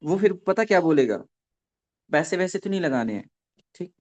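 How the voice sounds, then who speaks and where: A man running a live online training session for network marketing, dictating points slowly and checking in with listeners after nearly every sentence. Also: a little high, expressive, a little mellow, highs cut off. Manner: dictates slowly for note-taking.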